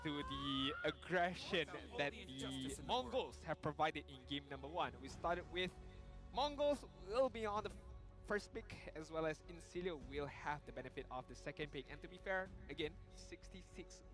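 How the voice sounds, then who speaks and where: A man casting an esports broadcast, giving measured, analytical commentary on the draft. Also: fairly high pitch, animated, music in the background. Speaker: esports caster.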